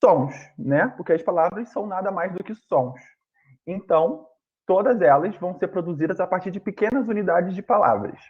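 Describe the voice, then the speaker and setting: A man's voice: sits high, lively intonation, moderate pace, slightly rough. A man teaching an online grammar lesson, explaining step by step and often checking in with his students. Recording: dull lo-fi online class audio.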